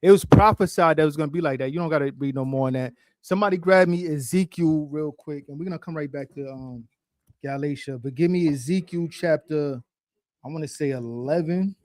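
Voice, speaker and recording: A man with a fairly high, darkish voice leads a group study over a stream, recorded dry and clean on a close-miked studio setup. He repeats the lines read aloud slowly for emphasis, explains them in casual read-along teaching, and keeps checking in with "right?" and "you feel what I'm saying?"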